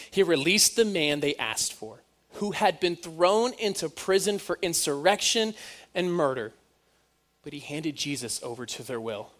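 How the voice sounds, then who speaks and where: A man preaching a sermon, telling the story in an animated way with joking asides. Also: on the high side.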